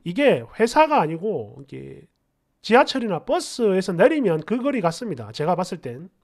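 A woman's voice: on the low side, big pitch swings, moderate pace, a little mellow. A woman reading a story aloud in an indignant, confiding way. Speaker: story narrator.

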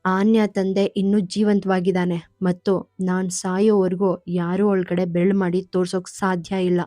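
A woman narrator voicing a cold, guarded grown man who answers curtly and flatly. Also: lowish voice, normal speed, no room sound, studio quality, natural voice. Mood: detached. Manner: curt and detached.

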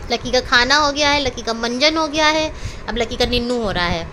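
A woman with a high, bright voice coos and teases her pet dog in a casual home vlog. She slips into playful baby talk. She sounds chatty and affectionate, recorded indoors at home. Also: moderate pace, a little hiss or hum. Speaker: pet owner vlogger.

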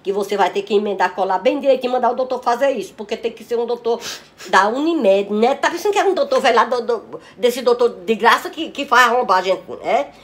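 A woman with a Northeastern Brazilian accent rattles off furious, crude scolding at a breakneck pace. Her outbursts jump from shouts to muttered insults in this home comedy sketch. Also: fairly high pitch, fairly quick. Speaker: comic mother character.

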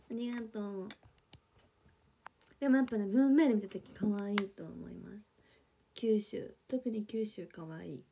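Soft-spoken young woman gushing on a livestream. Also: medium pitch, a little slow, vocal fry, pauses often, slight background noise. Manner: chatty, gushing, many fillers, drops to whispers. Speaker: idol livestreamer reading viewer comments. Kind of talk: casual livestream chat. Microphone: phone or webcam for a livestream.

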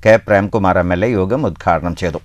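A male news anchor from Kerala reading short headline intros in a brisk studio delivery. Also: low-pitched, dry recording, lo-fi sound. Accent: Malayalam, Kerala.

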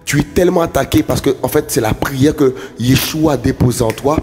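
A man's voice: mid-range voice, a little fast. Fervent preacher man, echoing hall. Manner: repetitive, fervent, chanting phrases. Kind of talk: prophetic worship exhortation. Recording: long hall reverb with soft music. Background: soft worship music.

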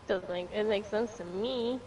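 A woman's voice: medium pitch, measured pace, darkish tone, far from the mic, slight background noise, rough recording. A woman chatting while gaming, goofy and giggly, saying dude a lot. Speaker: gaming partner. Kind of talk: casual gaming chat.

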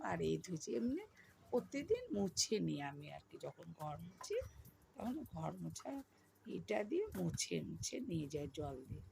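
A middle-aged woman with a Bengali accent and a hoarse voice, chatting to her viewers as she talks over her housework. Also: mid-range voice, background noise. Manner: chatty, addresses viewers as friends. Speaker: vlogger. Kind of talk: casual voice-over of household chores.

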